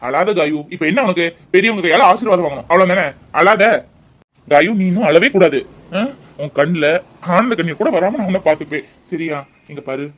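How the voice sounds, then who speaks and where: A man's voice: fairly high pitch, a bit bright. A man voicing an earnest young newlywed husband in a cartoon, coaxing and pleading with his wife. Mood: consoling. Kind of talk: cartoon voice acting.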